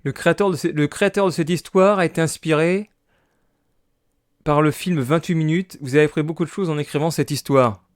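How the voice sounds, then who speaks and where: A man giving casual, excitable commentary on a game, reading the game text aloud, swearing and slipping into English. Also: fairly high pitch, a little fast. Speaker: let's play gamer.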